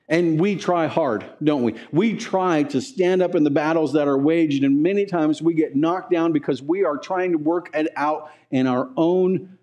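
Preaching in a church sanctuary, a man in his forties gives a conversational teaching sermon, gesturing while he speaks and asking the congregation questions. He has a warm tone and a fairly high pitch.

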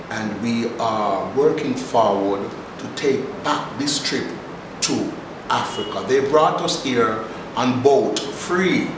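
A man's voice: on the low side, background noise. An older man with a Jamaican accent, speaking and chanting in a rhythmic, half-sung reggae style. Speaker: reggae singer. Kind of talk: spoken intro and reggae chanting. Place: indoor studio rehearsal room. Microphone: far camera mic. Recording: echoey room from far off with music.

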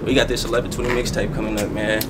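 A man's voice: fairly low pitch, little pitch movement, racing. Young man, slangy rapper talk. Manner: slangy, keeps saying "you feel me". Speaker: rapper, guest. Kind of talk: casual interview. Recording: noisy background.

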